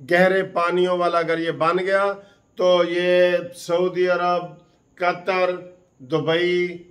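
A man's voice: on the high side, fairly bright tone. A man from Pakistan hosting heated political commentary, impassioned and accusing, repeating key phrases for emphasis.

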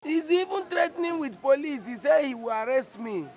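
A man's voice: very high-pitched, animated, moderate pace, a little mellow, slight background noise. A man playing an anxious debtor pleading with his friend in a film drama, with a Nigerian accent and urgent repetition. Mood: worried, pleading. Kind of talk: film drama phone monologue. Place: outdoors by a parked car at a roadside.

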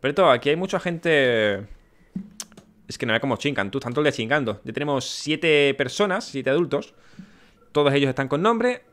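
A man's voice: medium pitch, expressive, brisk, a bit bright. A man with a Spanish accent giving casual gameplay commentary, chatty and muttering to himself and to the game characters. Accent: Spain. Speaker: let's play host.

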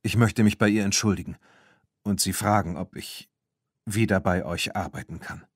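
A man's voice: lowish voice, fairly even intonation, normal speed, breathy edge, no room sound, studio quality. A man doing an earnest, remorseful grown man. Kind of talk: audiobook character voice.

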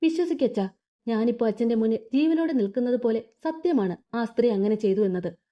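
A woman's voice: on the high side, animated, brisk, dark tone, natural voice. A frightened pregnant young daughter pleads through sobs in a raised, trembling voice, as a woman reader does her. The sound is dull and lo-fi. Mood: tearful. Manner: weeping, pleading.

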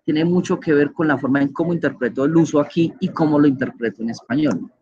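A man's voice: a little high, quick pace, a little mellow, a little hiss or hum. Man, online class teacher, patient explaining, dull lo-fi computer mic. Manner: patient, explanatory, many fillers and checks like "¿sí?". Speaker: English teacher. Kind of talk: online lecture explaining grammar.

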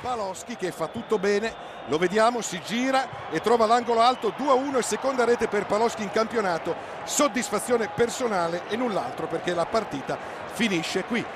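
A man commentating on football highlights as a match reporter. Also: brisk. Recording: clear background noise.

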